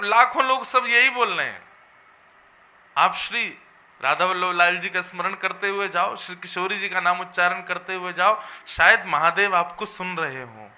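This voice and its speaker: A man's voice: high voice, sharp tone. A man giving a devotional sermon as a religious storyteller, preaching in an emphatic, melodic way. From Vrindavan region.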